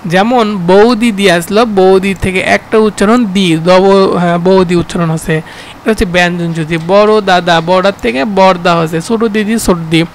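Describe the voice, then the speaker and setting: Bangladeshi male tutor, fairly high voice, drills terms and quizzes himself, faint traffic noise behind. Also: fairly even intonation, moderate pace, poor audio. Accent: Bangladeshi Bengali. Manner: repeats terms and asks himself questions, with fillers. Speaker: teacher. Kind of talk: exam-prep grammar lesson.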